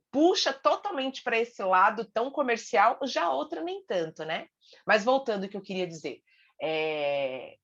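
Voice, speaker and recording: A woman's voice: mid-range voice, fairly bright tone. Chatty Brazilian woman, muffled audio. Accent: Brazilian Portuguese. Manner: chatty, many fillers and restarts. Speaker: Bible study teacher and sales team leader. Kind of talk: casual online Bible lesson.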